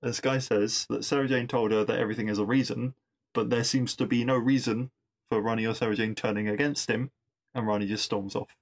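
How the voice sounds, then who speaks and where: A man at a mid-range pitch, talking through a TV episode in a loose, conversational recap. He drifts into wry asides and often repeats a word while he thinks. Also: fairly even intonation, fairly quick. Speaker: podcast host reviewing episodes.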